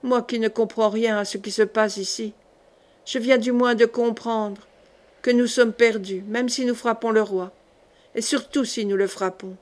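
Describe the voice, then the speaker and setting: A woman's voice: on the high side, fairly even intonation, unhurried, lightly acted. A woman voicing a frightened male hired killer in an audiobook, urgent and insistent. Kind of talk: audiobook character voice.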